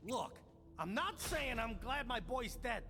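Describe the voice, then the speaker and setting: An actor playing a grizzled older explorer and remorseful father in a video game, with a gravelly folksy drawl. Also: very high-pitched, big pitch swings, measured pace, pushed and bright, in a large hall, soft background music, full character voice. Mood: regretful.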